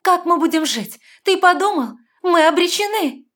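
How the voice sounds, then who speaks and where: A woman voicing a young, defiant red-haired fairy woman who cries out loud and shrill. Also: lively intonation, moderate pace. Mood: shrill panic.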